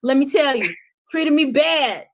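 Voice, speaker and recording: A woman's voice: high-pitched, animated, measured pace. A woman guest on a podcast, talking with emphatic, sermon-like repetition about love and healing. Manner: emphatic, preaching cadence, repeats phrases for weight. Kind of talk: impassioned conversational testimony.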